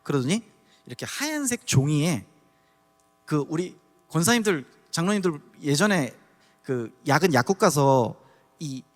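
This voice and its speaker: High, lively man preaching in reverb. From Daegu, South Korea. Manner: animated storytelling, acts out scenes. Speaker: guest preacher. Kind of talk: testimony sermon. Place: church service hall. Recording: long church hall reverb.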